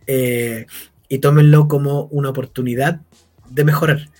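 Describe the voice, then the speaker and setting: A man's voice: medium pitch, fairly even intonation, moderate pace, a little mellow, faint music behind. A man co-hosting a podcast, speaking earnestly with many hesitations. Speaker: podcast co-host. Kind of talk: casual podcast chat.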